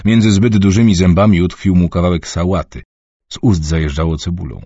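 A man reading a novel aloud in a measured, expressive audiobook narration. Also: low voice, breathy edge, no echo. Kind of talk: scripted narration. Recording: dull muffled recording.

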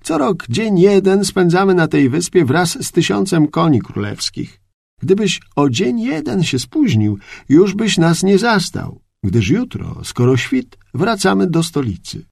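A man voicing an earnest royal horse groom, loud and raised. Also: sits high, big pitch swings, a little slow, creaky, no echo, studio quality, pitched above the performer's own voice, heavily acted. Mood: explaining. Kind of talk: audiobook character reading.

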